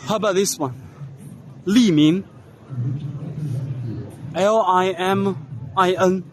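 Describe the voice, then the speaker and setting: Slow-talking man on an expo walking tour. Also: high-pitched, noisy background. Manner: unhurried, spells out names letter by letter. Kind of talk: casual walk-and-talk narration. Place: large indoor trade expo hall.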